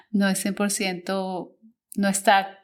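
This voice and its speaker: A woman teacher hosting a podcast, talking casually and thinking aloud, often correcting herself and searching for words. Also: on the low side. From Colombia.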